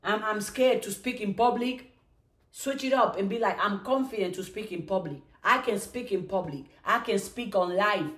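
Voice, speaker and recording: A woman with a mid-range voice hosts a motivational live stream in an echoey room, chanting affirmations and answering questions slowly and repetitively.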